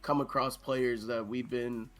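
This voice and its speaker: Male podcast guest, casual chat, mid-pitched, laid-back, slangy, some swearing, faint music behind. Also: flat delivery, a little slow, fairly bright tone. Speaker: esports team member, podcast guest.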